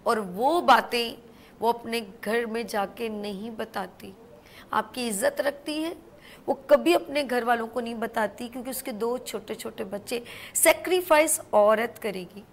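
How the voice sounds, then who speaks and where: A woman hosting a studio talk show from Pakistan, speaking in an emphatic, preachy way that builds to forceful warnings. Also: fairly high pitch. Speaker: morning show host.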